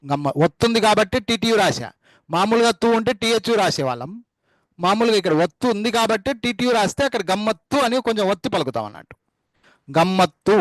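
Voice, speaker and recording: A man's voice: high voice, big pitch swings, fast talker, dry recording. A man teaching a spelling lesson, repeating each word several times and spelling it out letter by letter. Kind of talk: classroom dictation lesson.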